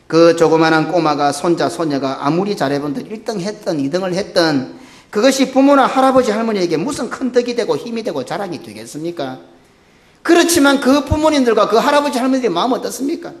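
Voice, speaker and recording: Gyeongsang-accent pastor guy preaching, high voice, gets loud and worked up, echoey church. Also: a little fast. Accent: Busan Gyeongsang. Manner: animated, swings from low earnest tones to loud excited bursts. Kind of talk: sermon. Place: church sanctuary.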